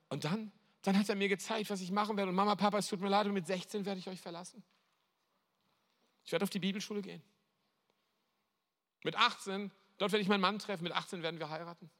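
A man's voice: high-pitched, fast talker, long pauses, fairly bright tone, voice pushed up. An eager little girl of nine, earnest and breathless, as a man raises his voice to play her. Her words ring out with a long echo around a large hall. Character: bright, earnest nine-year-old girl. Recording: reverberant hall.

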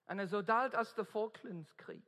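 Preaching an evangelistic sermon in German, this Australian man, a native English speaker, is earnest and emphatic but often searches for words. His high voice has a sharp tone and an unhurried pace. A long hall reverb trails behind him.

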